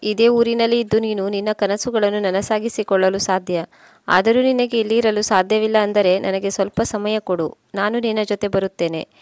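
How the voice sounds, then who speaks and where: A woman's voice: mid-range voice, steady tone, normal speed, darkish tone, no room sound, natural voice. A woman voicing a lonely, aging widowed mother who pleads with her son in tearful appeals. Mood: pleading.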